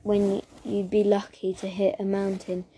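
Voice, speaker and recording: A woman reading a children's story aloud as narrator, steady and even, with small slips. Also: mid-range voice, moderate pace, a little hiss or hum.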